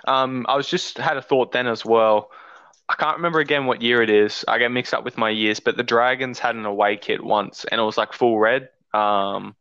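An Australian man with a clean, smooth voice chats as a sports podcast guest. He hesitates and thinks aloud. The recording is dry and a little dull. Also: medium pitch, fairly even intonation, moderate pace, bright, forceful tone, no room sound. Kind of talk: casual sports fan chat.

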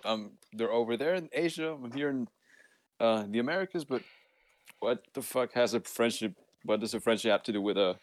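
A man's voice: medium pitch, fairly quick, dry recording. A nineteen-year-old man from Costa Rica co-hosting a casual podcast, rambling and swearing freely. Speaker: podcast co-host. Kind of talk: casual chat.

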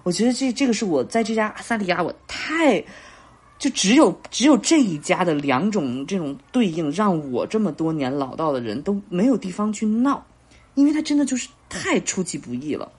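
A woman's voice: mid-range voice, normal speed, husky. A woman in her thirties co-hosting a podcast, telling stories in casual chat and acting out the dialogue with lots of laughter. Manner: animated, acts out dialogue, laughs often. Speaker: podcast co-host.

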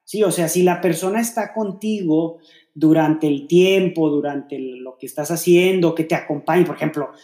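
Male podcast co-host, mellow tone, thoughtful and rambling, echoey room. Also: fairly high pitch, normal speed. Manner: reflective, explains with many fillers and rhetorical questions. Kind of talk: casual faith-based relationship chat.

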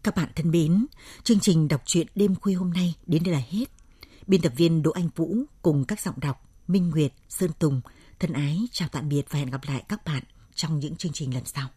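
A woman's voice: low voice, moderate pace, dark tone, husky, dry recording, studio quality. A woman presenting a radio reading programme from a script.

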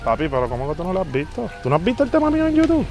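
A man doing a bragging fake celebrity singer with a Puerto Rican accent, pushy and vain, calling everyone papi in a high voice. He talks on a street for a hidden-camera prank, with music playing faintly behind. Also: huge pitch swings, rapid-fire, a little mellow, heavily acted. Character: male self-important fake famous Puerto Rican singer. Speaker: prank show host.

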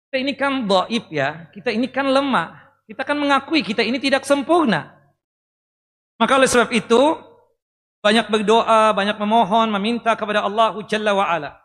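A man preaching a sermon to a live audience in a lively way, asking questions and joking as he goes. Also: high-pitched, normal speed. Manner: lively, talks directly to the audience, jokes and asks questions. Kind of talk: Islamic sermon. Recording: long reverb in a hall.

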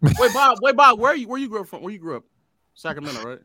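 A man's voice: sits high, sing-song, fast, sharp tone. A man on a debate panel, combative, cutting in and pressing the same question again and again. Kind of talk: heated debate.

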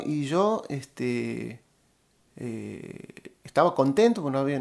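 A middle-aged man with an Argentine Spanish accent, casually telling a rambling anecdote, halting often with fillers and restarts. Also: medium pitch, gravelly. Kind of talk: casual storytelling.

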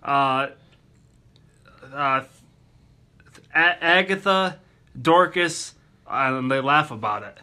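Bright-voiced man recapping a show. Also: medium pitch. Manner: reads plot summaries with pauses and restarts. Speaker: podcast co-host. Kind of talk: casual recap chat.

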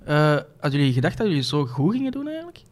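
A man with a Flemish accent hosting a casual podcast interview, chiming in with quick, friendly replies. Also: fairly high pitch, sing-song, darkish tone. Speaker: podcast host.

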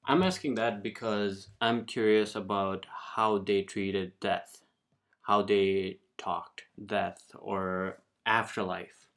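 A man interviewing someone in a casual conversation, phrasing his thoughts in a halting, thoughtful way. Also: fairly low pitch, fairly even intonation, fairly bright tone.

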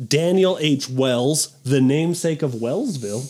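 A man with a somewhat high voice hosts a casual history podcast with his buddies. He reads from his notes at a steady clip and often breaks into laughter. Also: measured pace. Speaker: podcast host telling history. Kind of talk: casual comedic history chat.

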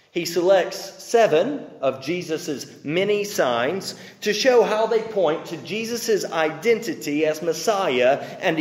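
A male preacher with a fairly high voice delivers a slow, dramatic sermon, rising to loud declamation and dropping to hushed low tones. His voice rings out through a large, roomy hall with long reverb.

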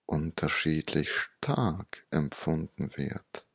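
A man tells a hypnotic meditation story like an old sage, extremely slowly and with long pauses. His low voice is gravelly and breathy, soothing and close to the mic. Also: animated, a bit bright, dry recording.

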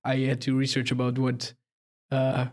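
A man's voice: medium pitch, completely flat delivery, normal speed. Hesitant male podcast host. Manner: hesitant, many fillers and restarts. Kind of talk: casual interview.

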